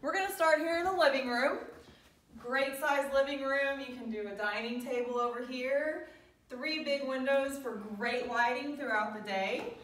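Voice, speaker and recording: A woman's voice: high-pitched, normal speed, fairly bright tone, distant mic. A woman in her thirties or forties giving an upbeat, gushing sales tour of a home as a real estate agent, recorded by a camera a few steps away in an empty apartment. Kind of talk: friendly promotional walk-through tour. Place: empty carpeted apartment, indoors. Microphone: handheld camera a few steps away. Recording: roomy echo, off-mic, faint-to-clear noise.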